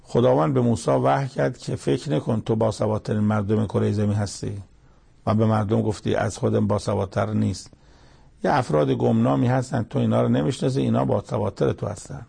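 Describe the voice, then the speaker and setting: A man with a mid-range, steady, creaky voice, dark in tone and slightly rough, gives short verse-by-verse Quran commentary. He tells the scripture story plainly, sprinkling in everyday sayings.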